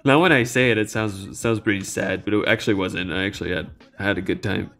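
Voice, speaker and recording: A man in his twenties from Belgium, chatting casually and rambling with fillers and soft laughs while streaming. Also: lowish voice, fast talker. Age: 20s. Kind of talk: casual live-stream chat.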